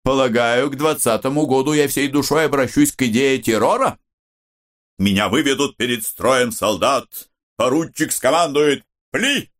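A man's voice: low-pitched, sing-song, a little slow, creaky, heavily acted. A man voicing an ironic young man who jokes with nervous bravado in a wry, bantering way. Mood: joking.

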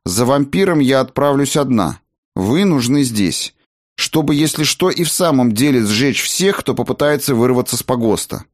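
A man's voice: mid-range voice, moderate pace, no room sound, clean studio sound, pitched above the performer's own voice, natural voice. A man voicing a firm, commanding sorceress mother who was once a battle mage, in a storybook reading. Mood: stern. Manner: firm, even-voiced commands.

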